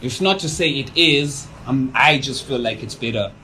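A young man talks as a guest on a podcast in a mid-pitched voice. He is casual and jokey, using plenty of slang and repeating words as he rambles along. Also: moderate pace, sharp tone, soft background music, poor audio.

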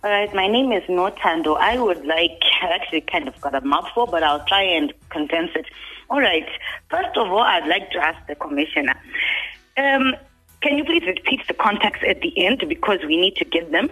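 A woman's voice: fairly low pitch, expressive, normal speed, pushed and bright, slightly rough. A woman calling in to a radio show, talking in an indignant, insistent way and often repeating words. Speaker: caller. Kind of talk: call-in radio question. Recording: phone line with faint music.

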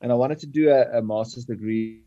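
A South African man with an Afrikaans accent, a native Afrikaans speaker, explaining himself earnestly and haltingly in an interview. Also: mid-range voice, mellow, no echo, highs cut off. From Bloemfontein, South Africa. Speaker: guest, sports franchise chief executive. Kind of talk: reflective interview talk.

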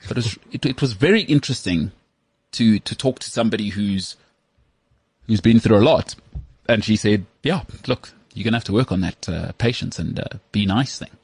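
A man's voice: fairly low pitch, normal speed, darkish tone, husky, no echo. A man in his thirties hosting a casual chat, rambling and self-mocking with lots of restarts. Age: 30s. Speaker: podcast host.

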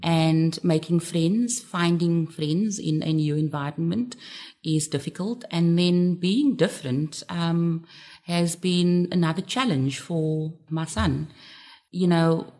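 Casting: woman, middle-aged, lower voice, candid radio guest. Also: a little slow, dark tone. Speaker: interview guest, parent.

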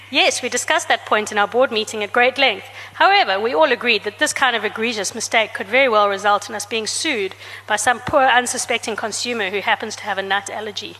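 A woman author reading from her comic novel to an audience, changing her voice for each character's lines. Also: fairly quick. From South Africa. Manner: reads dialogue with shifts in pitch and loudness for each character. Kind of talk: book talk with a reading. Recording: reverberant hall.

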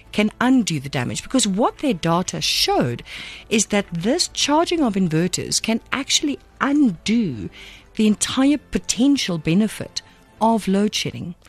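Woman, South African accent, radio presenter, animated pitch, casual explaining, switches between languages. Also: slightly rough. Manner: switches between English and Afrikaans.

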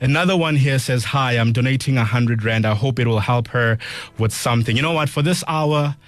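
A man's voice: mid-range voice, fairly quick, dry recording. A South African man presenting a morning radio show like a DJ, speaking earnestly and emphatically, repeating phrases as he appeals to listeners. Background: music under the voice.

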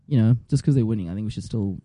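A Zulu-speaking South African man co-hosts a podcast on a studio mic, trading relaxed banter and laughing often in casual chat. His dark, worn voice is low and rapid-fire, strained from shouting.

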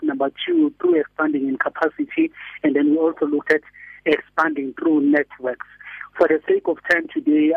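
A man's voice: very high-pitched, gravelly, no echo. A man with a South African Zulu accent giving a motivational radio sermon as a pastor, teaching point by point over a narrow phone line. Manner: didactic, enumerating points.

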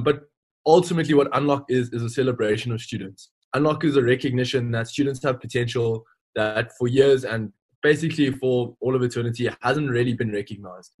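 Twenties guy, student guest, earnest, a touch raspy. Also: mid-range voice. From South Africa. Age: 20s. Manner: earnest, explanatory. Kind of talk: podcast interview.

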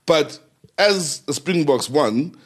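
A man's voice: fairly high pitch, expressive, slow, husky. A man from the Free State with a South African accent, sharing reflective stories on a sports panel. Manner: reflective storytelling. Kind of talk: casual panel discussion.

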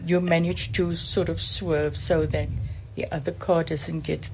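Middle-aged lady, creaky voice, measured casual testimony, noisy background. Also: deep voice, little pitch movement, darkish tone. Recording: clear background noise.

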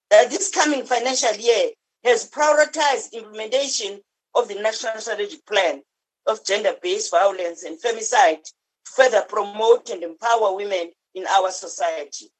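Husky South African woman addressing parliament. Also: mid-range voice, moderate pace, low-quality recording. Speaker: member of parliament giving a speech. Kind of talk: formal political speech read out in parliament.

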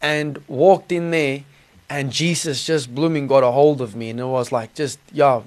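A man's voice: mid-range voice, fairly even intonation, normal speed. A man with a South African accent giving a personal testimony in an informal, earnest, conversational way with colloquial slang. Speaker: podcast guest telling his testimony. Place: small studio.

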